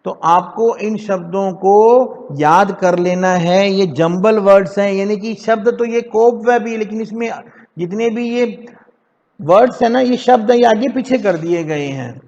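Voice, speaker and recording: A man teaching an English lesson to children in Hindi, slowly drilling words for them to repeat. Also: sits high, darkish tone. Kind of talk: classroom lesson explained in Hindi. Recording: dull echoey classroom recording.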